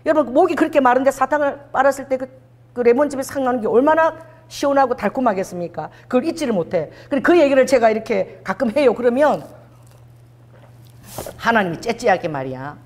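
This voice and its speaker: Woman, middle-aged, pastor, church sermon, personal testimony, animated storytelling, slightly high voice. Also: fairly quick. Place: church sanctuary.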